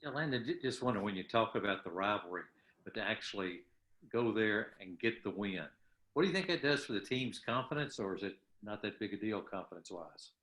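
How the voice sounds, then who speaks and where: A male sports reporter asking a measured question at a press conference. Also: fairly low pitch, expressive, a bit bright, rough recording.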